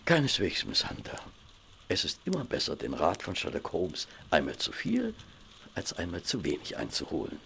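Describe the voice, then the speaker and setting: An actor playing a courteous, kindly gentleman doctor in a German radio play, speaking in a measured, considerate way. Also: sits low, wildly swooping pitch, creaky, slight background noise, full character voice. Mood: kindly, reassuring.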